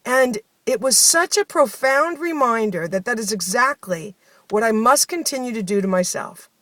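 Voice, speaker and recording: A woman's voice: fairly high pitch, animated, normal speed, a bit bright, no echo. A woman speaking a heartfelt personal diary, telling her story in a reflective, conversational way, with many fillers. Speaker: host of a spoken daily journey series.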